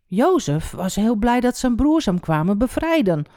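A woman telling a Bible story to children, expressive and speaking directly to the young listener. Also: on the high side, a little slow, no room sound, studio quality.

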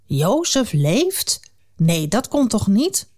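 A woman's voice: medium pitch, big pitch swings, slow pace, a little mellow. Old father Jacob, as a woman storyteller puts him on. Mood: disbelieving.

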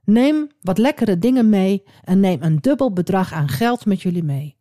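An anxious, grieving old father from a children's Bible story, voiced by a woman reading aloud. He speaks in raised, pleading outbursts. The tone is mellow and the sound is dry and close. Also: medium pitch, animated, moderate pace, no room sound, natural voice. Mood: urging.

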